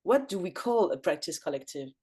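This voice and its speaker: Over a video call, a woman from Belgium runs an online forum in English, hesitating often with many fillers and restarts. She speaks fairly quickly in a fairly low, sing-song voice that is mellow and slightly rough.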